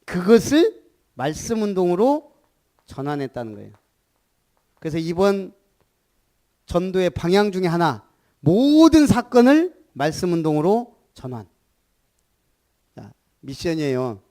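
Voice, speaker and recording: Animated high-voiced preaching man. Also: unhurried, pauses often. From Gunsan, Jeolla, South Korea. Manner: animated preaching, calls for repetition, rhetorical questions. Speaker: pastor. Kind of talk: sermon.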